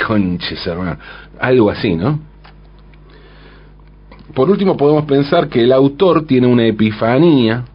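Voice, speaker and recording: Here a male commentator with a husky mid-range voice picks apart song lyrics on a muffled recording. His reflective, measured analysis is peppered with rhetorical "¿no?" questions and self-corrections.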